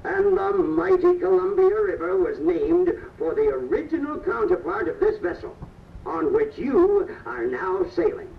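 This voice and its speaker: A man's voice: very high voice, wildly swooping pitch, a little slow, gravelly, slight background noise. A man giving scripted historical narration as the ride narrator, in a stately storybook delivery, played back over a PA. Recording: distant roomy lo-fi PA playback.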